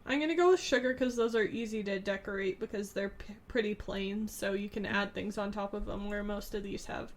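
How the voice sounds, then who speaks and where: A young adult woman co-hosts a podcast, chatting in an easygoing, giggly way with a slightly scratchy voice. She's mid-range and steady, speaking a little fast with hardly any pauses. She's on a remote call using old headphones.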